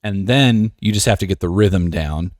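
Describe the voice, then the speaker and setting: A man's voice: low voice, normal speed, dry recording, clean studio sound. A man streaming a game live, talking casually with a joking, self-assured, rambling manner.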